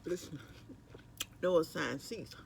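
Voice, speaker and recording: During a lunch break at work, a middle-aged mukbang vlogger eats and chats ramblingly with viewers, at times with his mouth full. His creaky voice is on the high side and slow, over a little hiss or hum.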